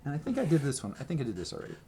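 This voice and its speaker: A man with a dark-toned, mid-range voice talks very fast, his pitch swooping wildly, as he gives a rambling, casual show-and-tell of his merch. He's chatty and meandering, full of fillers and restarts, speaking to the camera mic at a table in a gray room with a red accent wall, with slight background noise.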